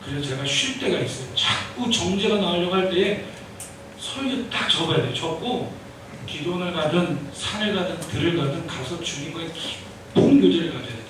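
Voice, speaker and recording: A male pastor giving an animated sermon, acting out dialogues and leading the congregation in repeating phrases. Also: fairly high pitch, moderate pace, noisy background. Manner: animated, acts out dialogues with the Lord, calls for repeat-after-me. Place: church sanctuary. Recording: echoey church hall from far off.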